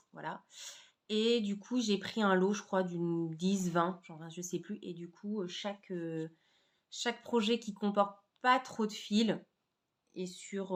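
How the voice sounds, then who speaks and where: A woman hosting an embroidery vlog, chatting casually with many fillers and often sinking to a soft murmur. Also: mid-range voice, a little hiss or hum. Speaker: Flosstube host showing embroidery projects. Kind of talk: casual chat.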